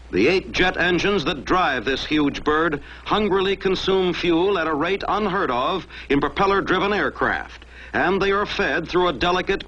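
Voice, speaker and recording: An American man narrates a mid-century military training film from a script, delivering it dramatically and emphatically. His voice sits high with a sharp tone, heard through a dull, lo-fi old film soundtrack.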